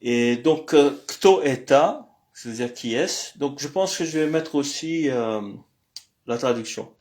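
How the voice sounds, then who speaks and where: Man, language teacher, slow, hesitant, frequent fillers, screen lesson. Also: mid-range voice, darkish tone. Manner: slow and hesitant, many pauses and "euh".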